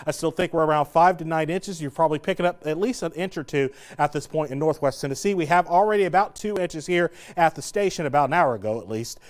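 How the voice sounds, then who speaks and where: A man's voice: a little high, fast, hardly any pauses. A man, a TV meteorologist giving a live weather forecast in a chatty, joking way, slightly out of breath. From Southern Indiana. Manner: chatty, jokey, laughs between points.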